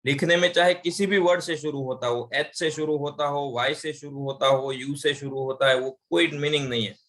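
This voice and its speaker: A man's voice: a little high, fairly even intonation, normal speed, fairly bright tone. Man teaching an English class. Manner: explains patiently, repeats examples aloud. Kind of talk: online class lesson.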